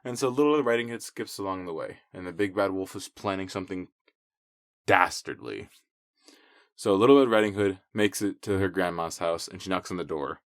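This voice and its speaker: A man's voice: deep voice, fairly quick, dry recording, clean studio sound. A man casually retelling a fairytale from memory with jokey, offhand asides. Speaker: storyteller.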